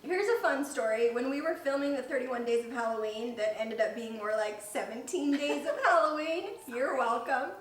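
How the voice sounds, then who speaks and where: Woman, fairly high voice, bubbly casual co-host chat, joking, roomy indoor echo. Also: normal speed, hardly any pauses. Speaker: video creator, co-host. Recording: roomy echo, faint music behind.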